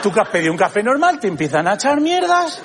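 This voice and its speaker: A man performs a stand-up routine, his pitch swinging widely as he acts out both sides of conversations. He is recorded on a stage, with a live audience laughing loudly and steady noise from the theatre behind him. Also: quick pace, over a noisy crowd. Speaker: stand-up comedian. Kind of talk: stand-up comedy monologue.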